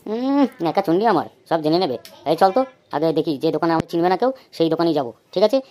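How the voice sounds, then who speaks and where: Bossy cartoon boy, very fast, lowish voice, dismissive. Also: expressive, mellow. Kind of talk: cartoon comedy voice acting.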